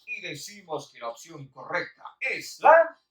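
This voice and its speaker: A woman teaching Quechua on a live stream, calling out to viewers and running a lively quiz. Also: lowish voice, a little slow. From Bolivia. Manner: lively, calls out to viewers, counts down. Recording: echoey room, far from the mic, faint music.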